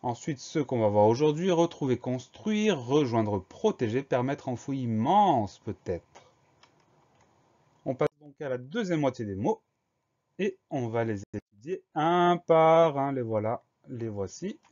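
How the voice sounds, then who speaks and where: Male teacher, mellow warm tone, methodical spelling lesson delivery, muffled recording. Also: mid-range voice, sing-song, unhurried. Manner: methodical, spells words out letter by letter.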